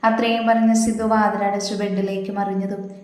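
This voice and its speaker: A woman reads a story aloud in an even, flat voice with little rise and fall. The recording sits in a heavily echoing room, and her pitch stays in a middle range. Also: normal speed. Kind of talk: scripted story narration. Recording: very echoey room.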